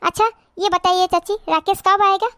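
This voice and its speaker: A woman's voice: extremely high pitch, fairly even intonation, moderate pace, pushed and bright, no room sound, clean studio sound. A woman acting in a short comedy skit, talking in an earnest, emotional, pleading way. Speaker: comedy sketch creator.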